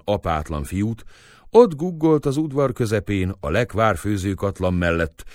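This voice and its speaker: A man reading a story as narrator, in an expressive storytelling way. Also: on the low side, dry recording, clean studio sound. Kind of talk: scripted narration.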